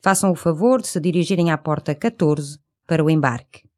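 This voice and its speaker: A woman's voice: low voice, a little fast, a little mellow, lightly acted. A woman playing an airport announcer, making a formal boarding announcement with a European Portuguese accent. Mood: formal, attentive. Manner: formal, clearly projected. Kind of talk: airport announcement, formal public address delivery.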